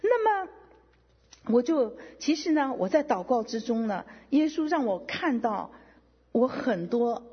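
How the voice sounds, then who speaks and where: Middle-aged woman, testimony speaker; husky, animated delivery, long hall echo. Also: fairly high pitch, measured pace. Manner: emotional, animated storytelling with quoted dialogue. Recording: dull lo-fi sound with long hall reverb.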